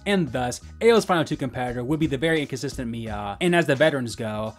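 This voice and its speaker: Man hosting a quick-paced video essay. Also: medium pitch, expressive, soft background music. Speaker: host. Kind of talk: scripted video essay narration.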